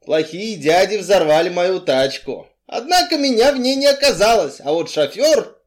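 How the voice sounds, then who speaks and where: A male reader playing a sly, gruff crime boss who mocks and blusters when pressed. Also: high voice, lively intonation, normal speed, voice pushed up. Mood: mocking, blustering. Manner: mocking, blustering, evasive.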